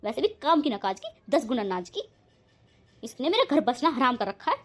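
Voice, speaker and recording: A woman voicing a quick-tempered young wife who scolds and shouts sarcastically in a cartoon. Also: high-pitched, big pitch swings. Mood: scolding. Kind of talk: cartoon voice acting.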